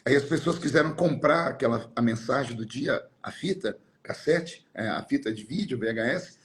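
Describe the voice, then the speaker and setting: A middle-aged man, a pastor, telling a personal story in conversation, reflective and sometimes pausing to search for words. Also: medium pitch, lively intonation, a bit bright.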